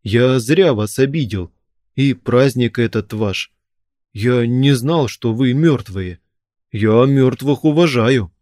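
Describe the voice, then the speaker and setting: A man's voice: medium pitch, takes it slowly, a little mellow, no echo, clean studio sound, natural voice. A man voicing a frightened young man who timidly pleads to be let go. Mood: frightened pleading.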